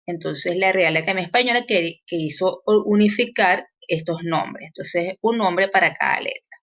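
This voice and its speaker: A woman's voice: lowish voice, moderate pace, a bit bright, lo-fi sound. A woman teacher explaining grammar in a recorded lesson, with fillers and self-corrections.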